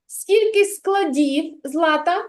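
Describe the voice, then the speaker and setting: A woman kindergarten teacher giving a literacy lesson in a classroom, speaking slowly and articulating every sound while coaxing answers from the children. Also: very high-pitched, darkish tone, rough recording. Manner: slow, carefully articulated, coaxing questions to children.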